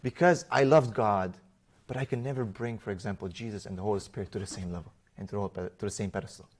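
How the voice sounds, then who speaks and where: Romanian-born male guest, lowish voice, animated storytelling with restarts. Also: fast. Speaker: interview guest. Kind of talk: conversational personal testimony.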